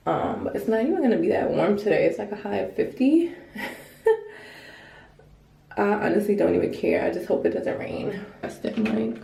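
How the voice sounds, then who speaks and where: A woman's voice: mid-range voice, lively intonation, normal speed, creaky, long pauses, warm tone, echoey room. A young woman vlogging casually about her trip, rambling and filling every sentence with "like". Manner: chatty and rambling, says "like" constantly. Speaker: travel vlogger. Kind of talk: casual chat to camera. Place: hotel room.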